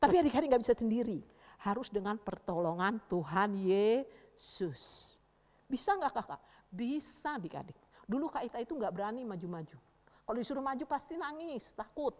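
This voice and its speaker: A woman Sunday school teacher, telling a Bible story to children in a lively way and putting on voices for the characters. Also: on the high side, normal speed, big-room sound.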